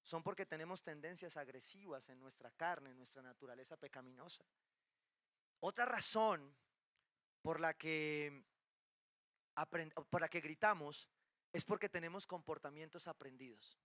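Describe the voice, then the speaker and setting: A male pastor preaching a sermon in a lively way, often checking in with the congregation through quick rhetorical questions and playful asides. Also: fairly high pitch, no echo. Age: adult, married with children.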